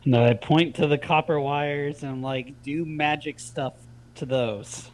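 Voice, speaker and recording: A man's voice: on the high side, fairly even intonation, slow, a little hiss or hum, rough recording. A man playing a tabletop game, thinking aloud with fillers. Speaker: player. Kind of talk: casual tabletop play.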